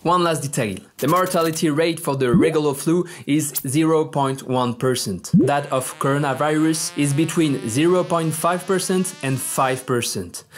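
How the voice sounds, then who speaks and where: French accent, native French speaker, low-quality phone recording, apartment, measured and grave delivery, middling pitch, faint music underneath. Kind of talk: scripted explanatory monologue.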